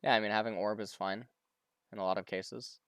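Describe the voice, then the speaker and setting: Smooth-voiced man casually co-streaming a match. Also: fairly low pitch, steady tone, a bit bright, no echo, clean studio sound. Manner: halting, repeats words, answers chat questions. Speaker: streamer commenting on a pro match. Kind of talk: casual live co-stream commentary.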